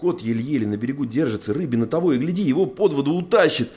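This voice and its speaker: A man reading a storybook tale aloud with expressive, animated narration. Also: mid-range voice, fast talker.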